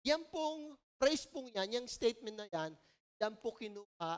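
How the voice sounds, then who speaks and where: A woman with a Filipino accent preaching a sermon at a church service in a conversational, animated way, often checking in with the listeners. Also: on the high side, measured pace. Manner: conversational, animated storytelling, frequent "po" and "no?".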